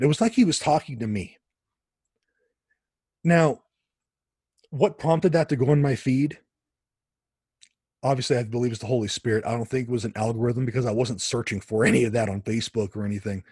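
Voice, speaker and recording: A man, a podcast guest, telling his story in an animated conversational way with frequent restarts. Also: mid-range voice, husky, dry recording, studio quality.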